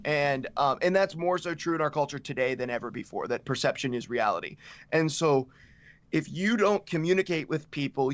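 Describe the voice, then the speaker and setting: A man's voice: fairly high pitch, a bit bright, dry recording, muffled recording. A man co-hosting a casual podcast discussion, talking earnestly and speeding up as he makes his points. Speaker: podcast co-host.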